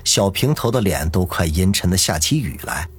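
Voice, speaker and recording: Husky male storyteller, lively delivery, audiobook narration. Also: low-pitched, moderate pace. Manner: dramatic storytelling. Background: faint music.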